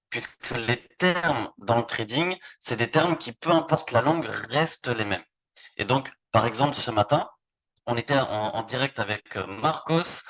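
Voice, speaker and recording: A man from France hosts a live online presentation at a middling pitch. He talks loosely and often stumbles over repeated words while showing pages on screen. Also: fairly bright tone. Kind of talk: live webinar product demo.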